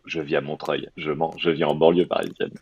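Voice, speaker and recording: A man's voice: a bass voice, flat delivery, fairly quick, slightly rough, no room sound. A man in his thirties chatting informally as a remote interview guest, rambling and joking, over a video call. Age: 30s. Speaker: interview guest, advertising director. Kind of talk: casual remote interview chat. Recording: slightly dull, lo-fi call audio.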